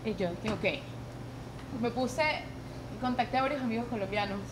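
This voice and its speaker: A young adult woman, an acting guest on a podcast, tells stories casually and informally, dropping in English words. Her voice is fairly high at a moderate pace. She speaks into a podcast mic at a table inside a shop with shelves of goods, and the audio is echoey and noisy.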